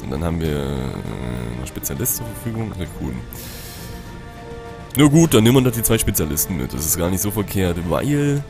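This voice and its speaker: Deep, creaky young man commenting on gameplay. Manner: slangy, thinking aloud. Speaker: gaming let's-player. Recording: game music behind.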